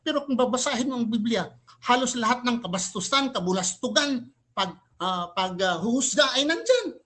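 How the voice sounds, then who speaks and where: A man's voice: very high-pitched, big pitch swings, moderate pace, a bit bright. Emphatic man arguing in a debate. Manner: emphatic, peppered with rhetorical "Ha?" questions; switches between Tagalog and English mid-sentence. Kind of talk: live religious debate argument.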